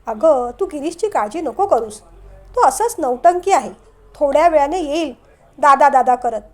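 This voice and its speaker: Woman doing a calm young groom. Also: high-pitched, normal speed. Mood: calm reassuring. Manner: calm, reassuring.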